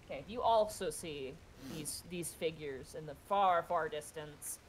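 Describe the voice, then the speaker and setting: A woman's voice: sits low, unhurried, crowd noise, rough recording. A woman game master narrating a tabletop role-playing game in a conversational, improvised way. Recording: background noise, room ambience.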